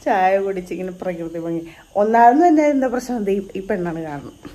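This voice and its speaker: A woman vlogger with a Malayali accent chats casually in a home family vlog on a rainy evening, using a sing-song voice to soothe a sleepy child who is crying. Her voice is warm, medium-pitched, and expressive, a little fast, captured in a rough recording.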